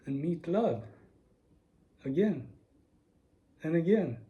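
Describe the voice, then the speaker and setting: A man in his forties giving a slow, earnest spoken reflection to camera, with soft laughs now and then. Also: a little high, very animated, narrow, tinny audio. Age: 40s. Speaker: video speaker.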